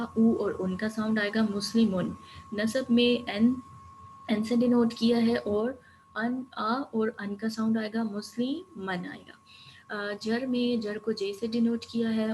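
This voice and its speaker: A woman with a Pakistani accent teaching grammar in a recorded online lecture. She explains step by step and repeats word endings slowly. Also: a little high, fairly even intonation, darkish tone, rough recording. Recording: faint noise and hum.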